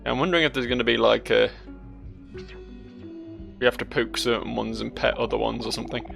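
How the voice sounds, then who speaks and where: Male gaming host, heavy vocal fry, casual and dryly musing, faint music underneath. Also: mid-range voice, steady tone, brisk, fairly bright tone. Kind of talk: casual let's play commentary.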